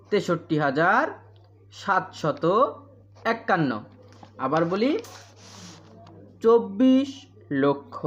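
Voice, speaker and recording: A woman teaching a primary school math lesson, repeating each question and answer and counting out place values slowly. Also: lowish voice. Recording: dull lo-fi sound.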